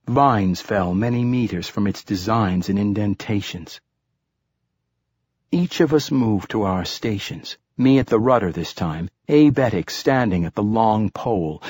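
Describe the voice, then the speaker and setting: A man narrating an audiobook in a steady, measured storytelling manner. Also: fairly low pitch, breathy edge, no echo.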